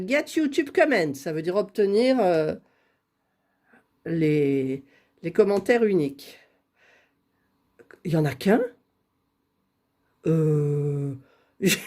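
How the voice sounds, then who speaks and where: A woman's voice: fairly low pitch, animated, slow pace, pauses often, a little mellow. A woman chatting casually while drawing giveaway winners on a computer, laughing at her own fumbling. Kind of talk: casual screen-recorded vlog.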